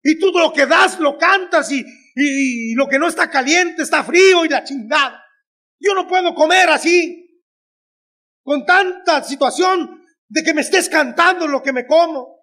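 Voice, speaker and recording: Mexican male comic storyteller, very high voice, foul-mouthed, loud outbursts. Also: moderate pace. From Guanajuato, Mexico. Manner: profane, shouting bursts, acts out his mother's lines. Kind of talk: crude comic storytelling to a live audience.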